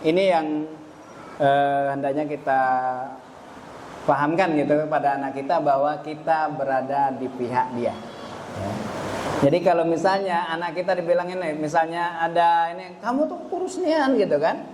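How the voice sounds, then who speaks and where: Middle-aged man, parenting talk, bit of a high voice, faint room noise behind. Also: steady tone, normal speed, darkish tone. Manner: addresses audience often, acts out parent and child quotes. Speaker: religious teacher. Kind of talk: parenting lecture at a study gathering.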